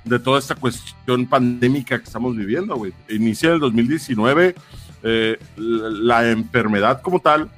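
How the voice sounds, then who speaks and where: A man's voice: mid-range voice, moderate pace, a bit bright, soft background music. A man with a Mexican accent hosting a podcast in casual, slangy conversation. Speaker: podcast host. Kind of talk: casual chat.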